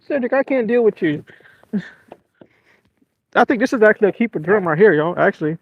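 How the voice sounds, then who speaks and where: Excitable, joking man on a live stream. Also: sits high, brisk, creaky, no room sound, narrow, tinny audio. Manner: excitable, laughs a lot, jokes with chat. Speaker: fishing livestream host. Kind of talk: casual live-stream chat. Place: outdoors on a boat at sea.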